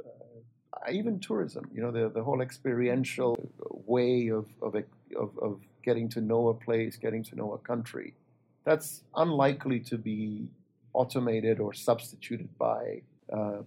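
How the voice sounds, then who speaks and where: A man's voice: mid-range voice, creaky, warm tone, a little hiss or hum. A man leading a thoughtful conversational discussion, hesitant, circling his phrases and repeating words as he builds a point. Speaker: interviewer in a discussion.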